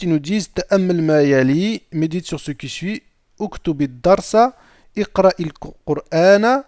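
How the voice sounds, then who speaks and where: High-voiced man teaching slowly. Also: darkish tone, no room sound, clean studio sound. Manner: repeats Arabic examples slowly and checks understanding with "d'accord?". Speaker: Arabic teacher. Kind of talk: grammar lesson explaining Arabic pronunciation in French.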